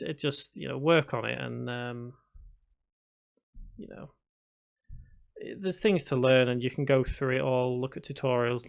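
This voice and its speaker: A medium-pitched, gravelly voice belongs to a Scouse-accented man in his thirties from Liverpool, England. He's a game development streamer chatting casually on a live stream, reading viewer comments aloud and answering them with restarts and fillers.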